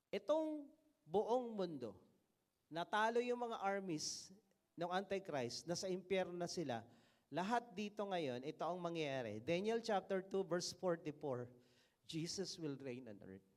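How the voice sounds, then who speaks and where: A middle-aged man preaching a sermon as pastor, animated and joking as he reads scripture aloud. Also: high-pitched, measured pace, long pauses.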